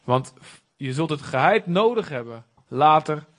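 Earnest man preaching, slightly high voice. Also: animated, unhurried, a bit bright. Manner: earnest, conversational, emphatic. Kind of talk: sermon.

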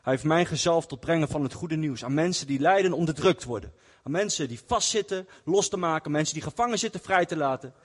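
A man's voice: fairly high pitch, lively intonation, fast talker, few pauses. A man preaching a testimony sermon in church, earnest and retelling scripture stories. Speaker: lay preacher. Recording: long hall reverb.

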